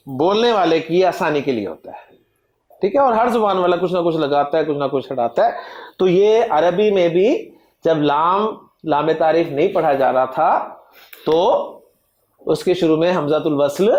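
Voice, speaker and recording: A high-pitched Pakistani man gives a classroom lecture on Quranic Arabic in Urdu, speaking slowly with a Pakistani accent. He draws out his words and keeps checking "right?" with his students. The classroom is echoey.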